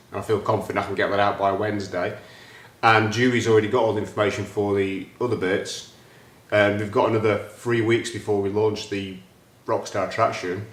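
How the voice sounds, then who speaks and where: A man, hosting a casual chat and talking about his plans in an animated, excitable way. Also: lowish voice, roomy sound. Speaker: host.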